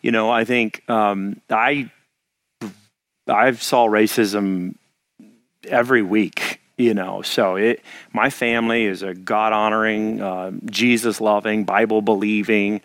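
Man, from the South, low gravelly voice, dry close sound, reflective, halting. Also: steady tone, a bit bright, no echo. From Arkansas, US South. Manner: reflective, many fillers and restarts. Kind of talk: casual discussion.

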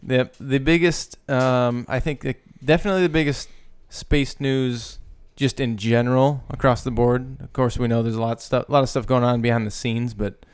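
A man's voice: mid-range voice, fairly even intonation, normal speed, hardly any pauses, clean tone. A man co-hosting a podcast in casual chat, rambling and jokey, repeating words as he goes. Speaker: podcast co-host.

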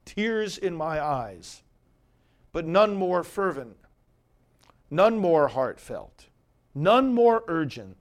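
A male priest with a somewhat high-pitched voice delivers scripture and sermon. He is solemn and earnest, declaiming each phrase deliberately as a preacher would. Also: clean tone.

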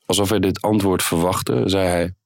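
A man reading his own crime story aloud in a calm, measured way. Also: deep voice, gravelly, no echo, clean studio sound.

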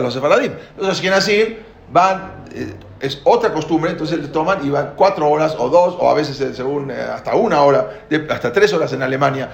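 A man's voice: a little high, vocal fry. Man teaching in an echoey room. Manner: explains with many restarts and rhetorical questions. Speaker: rabbi teaching a class. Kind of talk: spoken Torah lesson.

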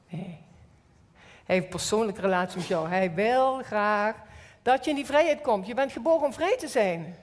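A middle-aged woman with a Limburg Dutch accent preaches to a church, telling personal stories and acting out her inner voices. Her voice sits somewhat high. The recording carries a long reverb from the hall. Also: slight background noise. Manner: personal, animated storytelling with acted inner voices. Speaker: church speaker. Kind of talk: sermon.

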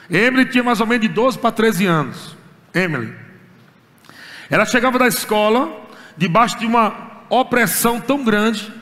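A man with a Brazilian accent, preaching a sermon as pastor, talking with fervor and dramatic pauses. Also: sits high, a bit bright. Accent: Brazilian Portuguese. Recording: long hall reverb.

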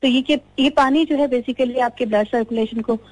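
A woman's voice: high-pitched, steady tone, normal speed, no room sound. A woman calling in over the phone and giving health tips, earnest and instructive with some hesitant restarts. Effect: heard over a phone line. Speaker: caller.

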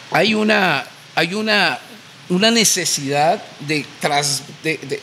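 A man's voice: on the high side, bright, forceful tone, slight background noise. A man talking as a podcast guest, lecturing on history with many hesitations. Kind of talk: casual podcast chat.

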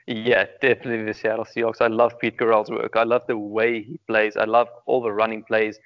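A man's voice: fairly low pitch, little pitch movement, brisk, dry recording. A young man from South Africa with a South African accent, a guest in a casual interview, earnest and repetitive with many ums. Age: young adult. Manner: earnest, repeats words, many ums and extremely. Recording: dry, dull lo-fi sound.

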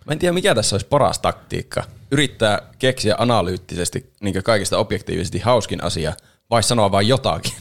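Hungover dude, low gravelly voice, laid back chat. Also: male voice, lively intonation. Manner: easygoing, laughs often. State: hung over. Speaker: podcast host. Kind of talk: casual chat.

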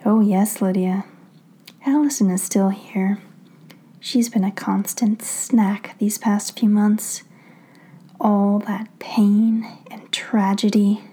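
A woman's voice: medium pitch, fairly even intonation, slow pace, mellow, husky. A woman voicing a cool, callous female fox spirit possessing a young woman, in a mocking manner, as whispered role-play. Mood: cool mockery.

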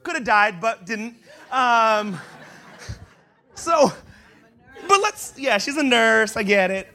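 High, bright-voiced man preaching with humor. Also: slow, vocal fry. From Brazil. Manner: animated, humorous storytelling with laughs. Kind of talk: sermon with personal stories.

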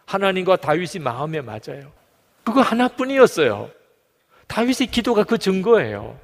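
A man's voice: sits high, big pitch swings, moderate pace, big-room sound. A male pastor preaching a sermon in a church, emphatic and full of rhetorical questions.

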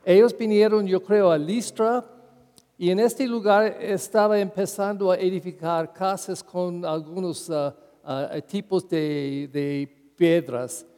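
Slow, earnest priest preaching in a church hall. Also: male voice, high voice, steady tone, mellow, smooth. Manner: slow, earnest preaching with acted-out quotes and pauses. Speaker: parish priest. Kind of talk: Spanish-language Sunday homily.

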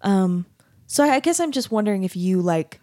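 A woman interviewing an artist in a relaxed conversation, speaking gently and hesitantly with many fillers. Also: medium pitch, normal speed, dry recording, studio quality.

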